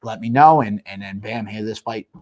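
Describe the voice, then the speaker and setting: A man's voice: fairly low pitch, moderate pace, a little mellow. A man co-hosting a fight-promotion podcast, talking casually and rambling through fighter background stories, often laughing.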